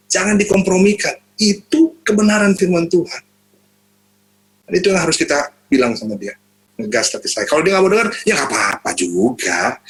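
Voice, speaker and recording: A man's voice: on the high side, low-quality recording. A young man, a youth pastor, preaching in casual slang mixed with English and acting out quotes. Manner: animated preaching, acts out quotes, swings between loud and soft. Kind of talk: lively sermon mixing casual slang and English.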